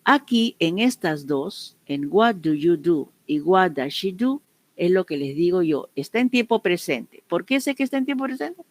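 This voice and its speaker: A woman's voice: lowish voice, animated, moderate pace, a little mellow. A woman English teacher explaining grammar to her students, patiently repeating each example and often checking that they have understood. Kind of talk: online class explanation.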